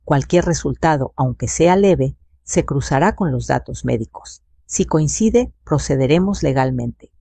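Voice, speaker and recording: An older woman voicing a calm, formal female health investigator who speaks in measured, procedural terms. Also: low-pitched, vocal fry, slightly rough, no echo, full character voice.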